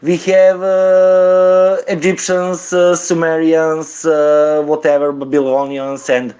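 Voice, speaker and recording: A man speaks slowly in a slightly raised voice. He pauses often to search for words and laughs softly between phrases, as a caller in a casual chat. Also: fairly high pitch, flat delivery, clear, resonant tone. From Serbia. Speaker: guest caller. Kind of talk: casual chat on a live audio room.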